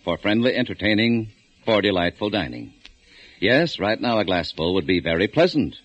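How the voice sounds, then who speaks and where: A man announcing the sponsor of a 1940s radio program, with smooth, emphatic salesmanship. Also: fairly low pitch, expressive, moderate pace, no echo, dull audio.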